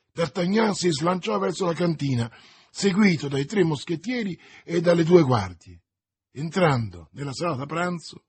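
A man narrating a classic novel, with a husky, rather high voice. He reads slowly and dramatically, weighing each phrase. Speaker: audiobook narrator. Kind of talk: reading a classic novel aloud.

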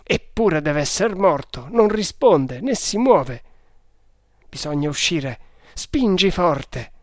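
A man's voice: a little high, big pitch swings, slow pace, no room sound, studio quality, pitched above the performer's own voice. A man voicing a Maratha servant who sounds alarmed and urgent in a storybook reading. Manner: urgent, raised, questioning.

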